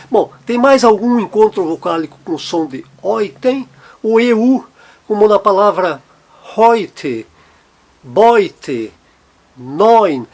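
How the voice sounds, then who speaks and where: A man teaching a language lesson, explaining sounds and slowly repeating each example word. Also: high voice. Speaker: German teacher.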